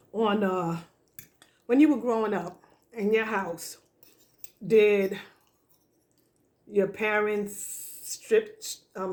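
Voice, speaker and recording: A woman around sixty chatting casually while she eats, telling homey stories slowly with plenty of fillers. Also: medium pitch, a little mellow. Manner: slow, homey storytelling with fillers. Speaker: vlog host. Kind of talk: casual chat while eating.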